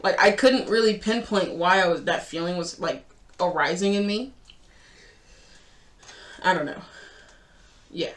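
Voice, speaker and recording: A woman's voice: fairly low pitch, measured pace, long pauses. A woman hosting a casual reaction video, chatting and laughing often while she eats. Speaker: host.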